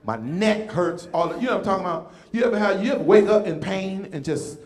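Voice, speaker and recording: On stage at a comedy club, with a live crowd listening, a stand-up comic in his fifties acts out voices as he spins animated stories. His voice is high-pitched and quick, and the space is reverberant.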